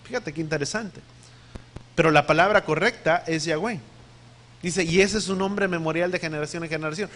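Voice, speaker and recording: A man's voice: on the high side, brisk, fairly bright tone. A man preaching a sermon, teaching emphatically, putting questions to his listeners and spelling out words letter by letter.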